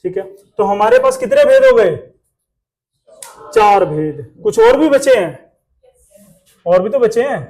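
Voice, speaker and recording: A man's voice: high-pitched, wildly swooping pitch, a little slow, pauses often, darkish tone. A male Hindi teacher, giving a classroom lesson and drilling pronunciation by asking the class questions.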